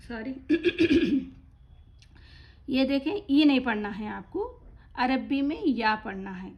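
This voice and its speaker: A woman teaching Quran recitation, with a slightly high voice. She draws out each letter name very slowly for her students to repeat, then drops into quick, soft explanations. The recording is dull and lo-fi. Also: very animated. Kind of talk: online lesson, letter-by-letter drilling. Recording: dull lo-fi audio.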